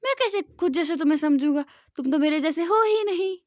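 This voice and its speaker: A woman voicing a calm, soft-spoken young man who answers quietly and teases a little, in a storybook retelling. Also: high voice, fairly quick, no room sound, clean studio sound. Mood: teasing.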